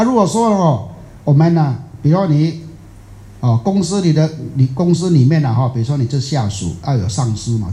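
A man with a Taiwanese Mandarin accent gives a rambling, folksy Buddhist dharma talk, often stopping to question his listeners. His voice is very dark and mellow. It carries an echo from the room. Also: medium pitch. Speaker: Buddhist teacher. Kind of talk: dharma talk to a live audience.

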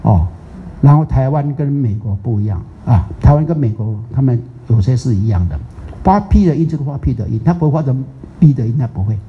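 A man's voice: mid-range voice, expressive, a little fast, slight background noise. An older man from Taiwan, a Buddhist teacher giving a chatty, teasing dharma talk, drawing out English words. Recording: muffled lo-fi recording.

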